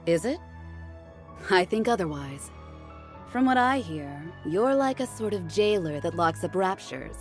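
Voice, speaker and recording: Lowish female voice, sly rogue soldier, cocky, goading, casual, anime game, faint music. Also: lively intonation, a little slow. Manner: casual, taunting, probing.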